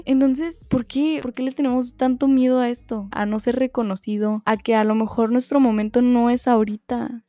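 A young Mexican woman muses aloud on her solo podcast, chatty and reflective, full of little fillers and asides. Her voice sits fairly high yet sounds mellow and soft-edged. The recording is dry and close to the mic. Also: dry recording. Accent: Mexican Spanish. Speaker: podcast host.

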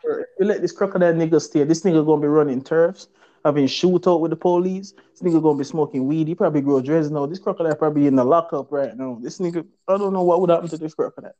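A man with a Jamaican accent spins a casual, profanity-laced yarn in patois, slipping into quoted voices. His tone is dark and mellow, and the recording sounds dull and lo-fi. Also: a little high, fast talker. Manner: profane, animated patois storytelling with acted-out quotes. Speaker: storyteller. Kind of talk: casual storytelling chat.

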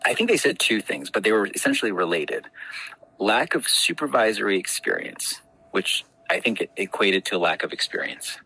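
A man from the Navajo Nation, a former prosecutor, telling his story as an interview guest in an animated way and acting out what others said. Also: lowish voice, moderate pace, creaky, slightly rough, low-quality recording. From Navajo Nation, United States. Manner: animated, acts out quoted dialogue. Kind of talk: conversational storytelling.

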